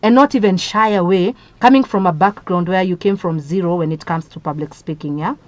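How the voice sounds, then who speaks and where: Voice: medium pitch, brisk, no room sound. A radio host, interviewing a guest in an encouraging way and mixing in some Swahili. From Kenya. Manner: encouraging, many listening murmurs. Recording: slightly dull radio studio audio.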